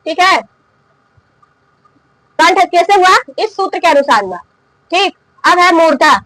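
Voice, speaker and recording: A woman's voice: extremely high pitch, expressive, a little slow, pushed and bright, dry recording, low-quality recording. A woman teaching a grammar lesson, asking questions aloud and answering them herself, repeating key terms. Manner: coughs now and then. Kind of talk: classroom lesson explaining and drilling.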